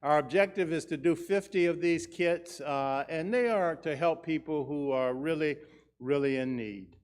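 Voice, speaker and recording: A man speaking as a pastor leading a church service, measured and solemn in his delivery of announcements and liturgy. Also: on the high side. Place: church sanctuary.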